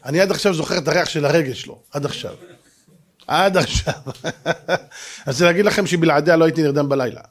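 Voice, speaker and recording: A middle-aged man giving a lively sermon to a live audience, telling stories and acting out voices and sound effects. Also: on the high side. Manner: animated storytelling, acts out voices and sound effects. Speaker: rabbi.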